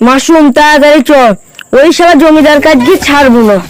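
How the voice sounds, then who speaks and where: A man playing a brave young village man who stands up to the landlord in a comic sketch, with a shrill voice. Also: steady tone, normal speed, a crowd in the background. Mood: urgent. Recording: clear background noise.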